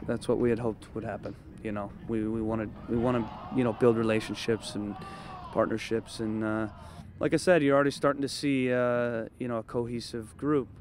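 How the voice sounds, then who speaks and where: A man in his thirties, a head coach, giving a measured postgame interview outdoors at night, with lots of "you know" and "um" as he thinks. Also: medium pitch, steady tone, noisy background. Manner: thoughtful, measured, frequent fillers. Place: outdoors at a training field at night. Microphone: handheld interview mic held close.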